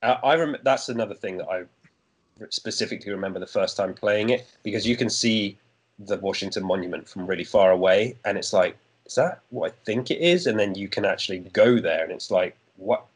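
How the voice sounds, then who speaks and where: A man's voice: on the low side, a little fast, husky. A man co-hosting a podcast, chatting casually about a video game with frequent fillers and restarts. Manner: hesitant, many fillers and restarts. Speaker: podcast co-host. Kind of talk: casual chat.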